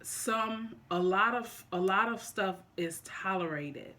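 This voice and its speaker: A vlogger talking casually and deliberately to viewers, often repeating and rephrasing in a halting way. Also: medium pitch, bright, forceful tone. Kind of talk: casual opinion talk to viewers during a mukbang.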